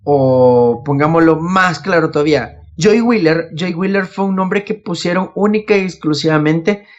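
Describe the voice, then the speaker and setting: Posing questions and answering them on his own, a podcast host with a Latin American Spanish accent explains things in a casual way. His voice is a little high and moves at a moderate pace, heard through a dull, lo-fi voice connection.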